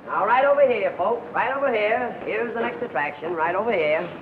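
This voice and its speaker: An actor playing a brash American sideshow barker in a 1930s film, declaiming a repetitive showman's pitch to draw customers. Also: expressive, fairly quick, phone-quality sound. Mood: showy, coaxing. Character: brash carnival sideshow barker hawking attractions to the crowd. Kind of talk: 1930s film acting, sing-song barker patter. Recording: thin, hissy 1930s film soundtrack.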